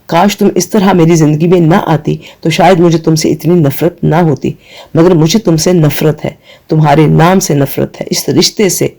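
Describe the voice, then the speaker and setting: A man's voice: fairly high pitch, fairly even intonation, creaky, mellow. A man voicing an angry, brooding young man who speaks bitterly and defiantly.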